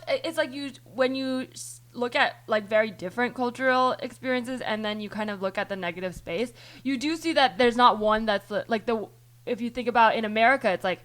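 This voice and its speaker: A woman's voice: fairly high pitch, fairly bright tone. A woman hosting a podcast, thinking aloud in long rambling turns full of restarts and the odd swear word. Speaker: podcast host. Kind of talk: casual chat.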